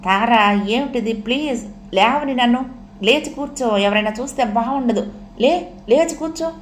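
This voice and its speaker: A woman's voice: on the high side, moderate pace, pitched above the performer's own voice, close to an everyday voice. A woman voicing a soothing, puzzled young man. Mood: coaxing. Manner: soothing, pleading questions. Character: young man, bewildered, gently coaxing lover. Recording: echoey room, faint hiss.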